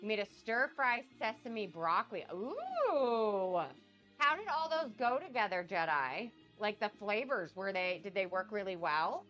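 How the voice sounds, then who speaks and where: While cooking on a casual livestream, an American woman chats and rambles with viewers, reading and replying to their comments, her voice a bit sniffly and nasal from a cold. She speaks in a mid-range, sing-song way, unhurried and fairly bright in tone. The audio is dull, with faint music behind her.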